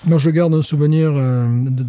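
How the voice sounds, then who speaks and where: Co-hosting a beer tasting show, a man with a steady, mellow, fairly high voice chats casually at a moderate pace. He rambles with many fillers and restarts and chuckles often, with no room sound.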